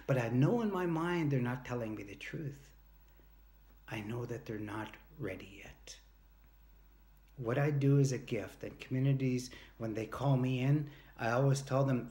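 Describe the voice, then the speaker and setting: Recorded indoors on a phone or device at arm's length in a home room with a sloped ceiling, a man in his early fifties delivers an earnest, emphatic motivational talk. His mid-range voice is darkish in tone and moves at a normal speed. As a workshop leader, he tells anecdotes to the camera and acts out short quoted exchanges.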